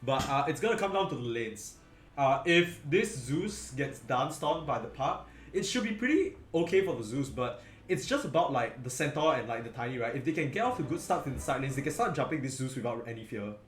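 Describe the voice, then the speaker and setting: A man's voice: medium pitch, very animated, brisk. A tired man casting an esports match, rambling, correcting himself mid-sentence and leaning on fillers. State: tired, yawning. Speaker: esports caster. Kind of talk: casual game commentary. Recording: echoey room with faint background noise.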